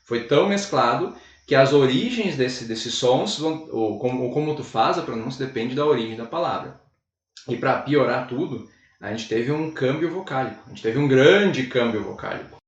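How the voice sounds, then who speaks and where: A man's voice: mid-range voice, animated, normal speed, roomy sound, far from the mic, dull audio. A man from Brazil, an English teacher chatting on a podcast and rambling with many restarts. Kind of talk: casual classroom-style chat.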